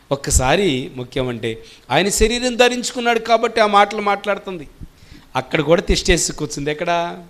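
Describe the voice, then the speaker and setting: A man's voice: sits high, fairly bright tone. A man preaching a sermon as pastor, constantly asking questions of the congregation and answering them himself. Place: church service.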